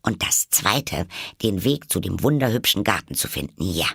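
A man's voice: low voice, lively intonation, moderate pace, gravelly, fairly bright tone, breathy edge, no room sound, studio quality, exaggerated voice. A man voicing a curious, sensible little girl who muses to herself, half under the breath. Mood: musing.

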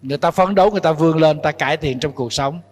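A male Buddhist monk with a high voice preaches to his young followers, keeps throwing rhetorical questions at them and scolds them in a fatherly way. A long hall reverb trails after his words. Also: very fast. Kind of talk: dharma talk to young followers.

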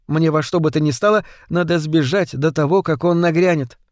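A man's voice: on the high side, a little fast, a little mellow, dry recording, clean studio sound, lightly acted. A man doing an urgent, pleading young girl. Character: determined girl, urging and pleading.

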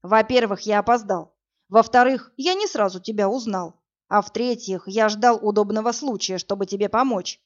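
Дерзкий громила-спаситель, которого читает женщина. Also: female voice, mid-range voice, lightly acted. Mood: brusque. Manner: brusque, mocking, hurried. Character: burly male rescuer, cocky and brusque. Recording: dull lo-fi audio, faint music.

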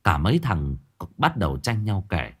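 A male storyteller narrating a ghost story with dramatic expression. His voice sits on the low side and rises and falls in a lively way. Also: normal speed, breathy edge.

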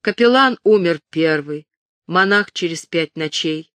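A man's voice: on the high side, expressive, a little slow, dry recording. A woman voicing a grim male castle guard who calls down bleakly from a window. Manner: shouting down, bleak.

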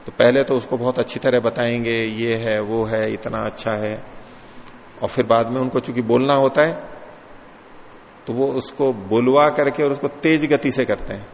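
A man's voice: medium pitch, vocal fry. A man giving a lecture on yoga scripture, explaining each term patiently and with many examples. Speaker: yoga philosophy teacher. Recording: long hall reverb with faint noise.

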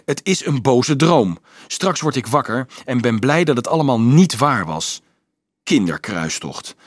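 A man reading an audiobook, voicing a teenage boy who is upset and bewildered, asking high, urgent questions. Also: very animated, a little slow, dry recording, clean studio sound. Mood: disbelieving.

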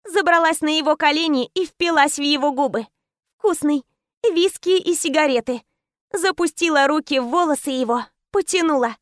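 A woman's voice: high-pitched, moderate pace, no room sound, studio quality. A woman narrating a first-person romance audiobook in intense, clipped short phrases.

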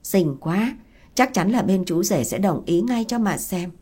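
A woman's voice: medium pitch, animated, a little slow, mellow, husky. Woman doing a pushy middle-aged matchmaker. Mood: persuasive.

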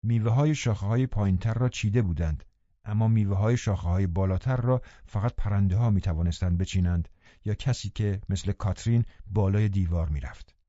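A man narrating a novel as an audiobook, calm and measured. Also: fairly low pitch, dry recording. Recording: dull dry studio recording.

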